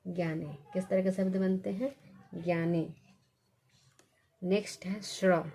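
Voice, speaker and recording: A woman's voice: fairly low pitch, level tone, warm tone. Woman teaching Hindi letters. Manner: asks questions and answers them herself, repeats sounds slowly. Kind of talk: basic Hindi reading lesson.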